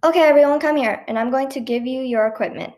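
A woman's voice: sits high, fast, a little mellow, voice pushed up, natural voice. A woman reading a story aloud, voicing a cheerful adult man who guides a boat tour, in her own raised voice. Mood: upbeat.

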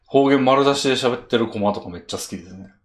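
A man's voice: medium pitch, quick pace. A man with a Kansai accent hosting a casual chat podcast, enthusiastic and laughing often. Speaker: podcast host.

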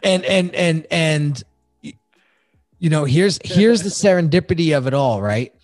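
A man talking as a podcast guest, telling his own story in an animated, excitable way. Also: fairly high pitch, a little slow, no echo, studio quality. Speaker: podcast guest, design agency founder. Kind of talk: casual storytelling interview.

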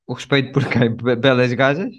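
A man's voice: medium pitch, steady tone, normal speed. A young man, co-hosting a podcast in a casual, slangy and joking way. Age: young adult. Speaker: podcast co-host. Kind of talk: casual chat.

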